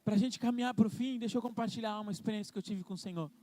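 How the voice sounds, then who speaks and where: A man's voice: high voice, rapid-fire, warm tone. A young man with a Brazilian Portuguese accent, preaching a sermon in a church, telling a personal story with emotion and calling people forward to pray. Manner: storytelling, emotional, rising into fervent prayer call. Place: church hall.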